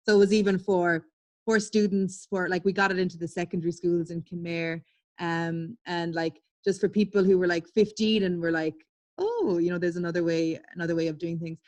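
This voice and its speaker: A woman, an artist and publisher, giving a candid online talk over a video call, swearing and laughing as she tells stories. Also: on the low side. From Ireland.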